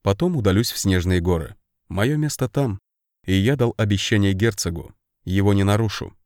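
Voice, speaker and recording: Мужчина читает аудиокнигу и озвучивает сдержанного немолодого дядю принца, говорящего сухо и коротко. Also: male voice, fairly low pitch, moderate pace, a little mellow, no echo, natural voice. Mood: curt. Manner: curt, dry. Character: reserved older male uncle, terse and dry.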